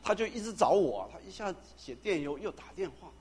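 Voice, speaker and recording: A male pastor tells a personal story from the pulpit, with a voice that sits a little high. He acts out each conversation with lively energy and sometimes stumbles into repeated words. A faint hum can be heard behind him. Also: fast talker. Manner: animated storyteller who acts out dialogue. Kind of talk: storytelling testimony in a sermon.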